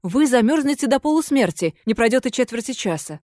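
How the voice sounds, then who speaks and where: A woman's voice: lively intonation, fairly quick, a little mellow, dry recording, clean studio sound, lightly acted. A woman voicing a ghostly lady of an old manor who turns from haughty to desperate and imploring in a read-aloud story. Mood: warning. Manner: shrill and imploring. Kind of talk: audiobook character voice.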